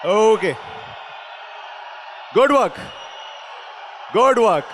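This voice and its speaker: Male event host, booming motivational rally speech, commanding shouted delivery, unhurried, long hall reverb. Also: expressive, a little hiss or hum. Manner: commanding, exhortatory, shouted calls with repeated phrases. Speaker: event host introducing a speaker. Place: large event hall on stage.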